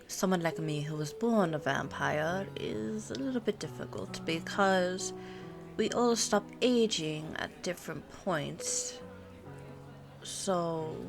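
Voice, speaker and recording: The woman's voice sits in the mid range as she plays a teasing, worldly vampire girlfriend of pure blood, ageless with the look of a twenty-nine-year-old, in a one-sided ASMR roleplay. Slow and reflective, she hums before she answers, accompanied by soft background music and the murmur of a cafe.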